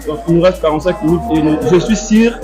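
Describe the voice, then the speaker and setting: A man's voice: a little high, quick pace. A man interviewed at a football viewing, talking with confidence about his team. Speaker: fan interviewed. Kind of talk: casual interview answers. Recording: music loud behind. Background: music.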